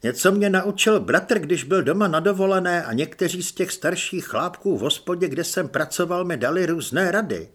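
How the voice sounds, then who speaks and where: A young woman posing as a male army recruit, dry and guarded, voiced by a male audiobook narrator. The voice stays close to his own, bright and breathy with a lively pitch. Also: hardly any pauses.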